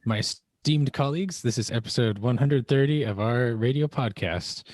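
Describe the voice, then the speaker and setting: A man's voice: mid-range voice, moderate pace, darkish tone, dry recording. A man in his late twenties hosting a podcast in friendly, easygoing chat. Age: 20s. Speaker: podcast host. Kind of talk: casual chat.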